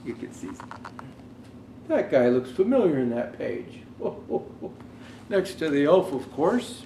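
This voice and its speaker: A man with a fairly high, gravelly voice reads a children's Christmas story slowly and expressively, like a storyteller, tossing in casual asides and raising his voice for quoted speech. The room echoes, with faint background noise.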